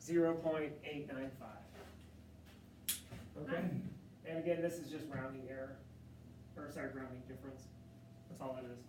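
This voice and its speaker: A man's voice: mid-range voice, flat delivery, normal speed, long pauses, noisy background. A male math tutor leading a classroom session, joking and coaxing students through each step. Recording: echoey room from far off.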